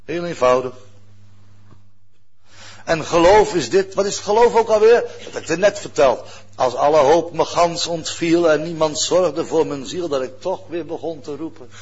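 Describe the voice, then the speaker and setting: A pastor preaching a sermon in a lively, conversational way, rising sharply and dropping to near-whispers. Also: male voice, fairly high pitch, moderate pace, slightly rough, dull audio. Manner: lively, conversational preaching with sudden loud rises and soft drops.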